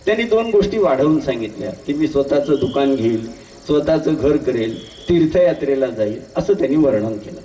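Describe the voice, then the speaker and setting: A man's voice: mid-range voice, expressive, brisk, mellow, a little hiss or hum. A man speaking at a graduation ceremony, telling parables that end in a moral. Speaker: convocation speaker. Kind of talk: storytelling speech. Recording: echoey hall, distant mic.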